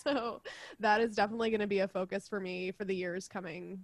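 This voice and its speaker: A woman's voice: medium pitch, fairly even intonation, fast, dry recording. A young woman co-hosting a podcast, chatting casually and giggly, full of fillers and laughter. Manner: bubbly, giggly, lots of fillers. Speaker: podcast co-host.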